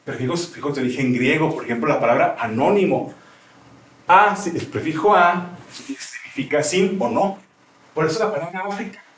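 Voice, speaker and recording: A male teacher explaining grammar in a classroom, often checking with his students as he goes. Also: mid-range voice. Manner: explanatory, asks frequent checking questions. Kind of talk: classroom lecture. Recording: roomy classroom, mic far off.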